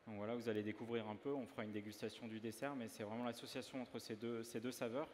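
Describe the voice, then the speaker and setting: A pastry chef from northern France talks through a dessert demo, hesitant and full of filler sounds. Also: male voice, mid-range voice, little pitch movement, quick pace, a little mellow. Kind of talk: live demo interview. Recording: reverberant hall, faint ambient noise.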